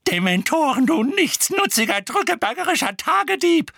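A man reading aloud and voicing an old woman with a shrill, screeching voice, scolding and impatient. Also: sing-song, moderate pace, no room sound, clean studio sound. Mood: furious.

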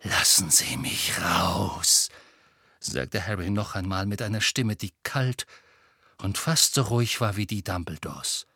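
A man's voice: on the low side, lively intonation, normal speed, fairly bright tone, no room sound, studio quality. A man narrating a novel as an audiobook in a dramatic storytelling manner.

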